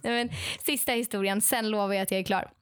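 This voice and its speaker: A young adult woman casually telling stories to a friend, lively and acting out what others said, with many fillers. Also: mid-range voice, clear, resonant tone, no room sound, studio quality. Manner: animated, acts out quoted dialogue; frequent fillers and restarts. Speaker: podcast co-host telling stories. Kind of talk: casual storytelling chat.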